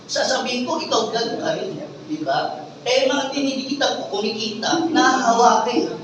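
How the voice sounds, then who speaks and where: A Filipino man gives a lively motivational talk to a live audience and acts out the voices of the people in his story. He sounds far from the mic, and a long echo fills the big hall. Clear room noise sits under his voice. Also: very high voice, normal speed. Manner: animated storyteller, acts out dialogue, laughs with the crowd. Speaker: speaker giving a testimony to an audience.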